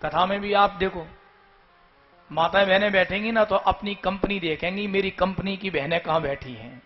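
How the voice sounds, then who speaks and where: A man's voice: high voice, normal speed. A man telling a scripture story at a live devotional gathering and calling out to his audience, in a dull lo-fi recording with faint music.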